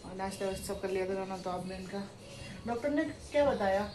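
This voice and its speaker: A woman's voice: medium pitch, brisk, over music, poor audio. Chatty young woman vlogging at home. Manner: chatty, rambling, talks straight to camera. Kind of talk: casual home vlog. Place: indoors at home.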